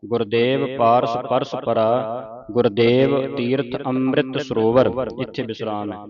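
Guy teaching how to recite scripture, quick explaining then slow drawn-out verses, dull lo-fi sound, people murmuring around. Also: mid-range voice, steady tone, a crowd in the background. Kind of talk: teaching correct recitation, line by line.

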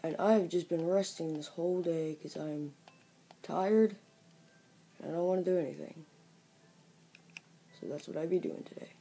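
A woman giving chatty, jokey commentary on her game and talking to viewers, with excitable outbursts as she plays at home. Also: fairly low pitch, moderate pace, long pauses, a little hiss or hum. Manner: excitable outbursts during play. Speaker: gaming video creator. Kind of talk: let's play game commentary.

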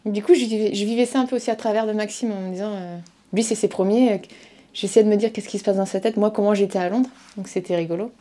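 A woman in her thirties recounts her path into fencing in a relaxed, warm tone, pausing often to search for words. It is a casual indoor interview. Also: mid-range voice. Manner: storytelling, frequent hesitations. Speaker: fencer. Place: office indoors.

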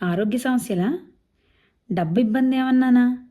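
A woman voicing a mild husband who gently coaxes and reasons. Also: fairly high pitch, normal speed, voice pushed up, close to an everyday voice. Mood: coaxing. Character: mild, soothing middle-aged husband.

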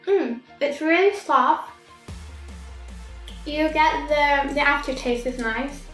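A woman with a high voice speaks through a mouthful of cake, slow and chewing. She sounds casual, like a food-tasting vlog. The room is echoey, with faint music behind her. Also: a bit bright. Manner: slow, savoring, chewing while she talks. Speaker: vlogger.

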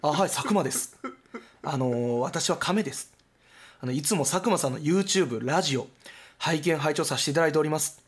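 A starstruck male turtle, a devoted fan, bows his way through every sentence in stiff, formal politeness, as a man puts him on. The voice is husky. Its pitch moves lively within each line. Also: a little fast. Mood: politely formal.

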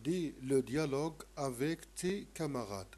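A man teaching a primary-school French lesson, slowly sounding out syllables and repeating them. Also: mid-range voice, lively intonation, mellow. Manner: slow, repetitive, sounds out syllables.

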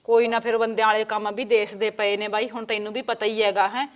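A woman's voice: mid-range voice, level tone, fast, highs cut off, natural voice. A woman playing a bossy older mother-in-law in a village family, talking bluntly and scolding, with a Punjabi village accent. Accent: Punjabi village speech.

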